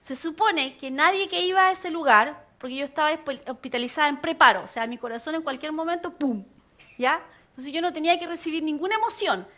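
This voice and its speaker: A woman pastor with a high voice preaches briskly, animatedly recounting a personal story within her sermon and acting out other people's voices.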